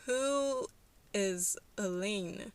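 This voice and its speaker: A woman's voice: medium pitch, extremely slow, clean tone. A woman voicing a fed-up young woman who impatiently demands answers from her fiance. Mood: shocked.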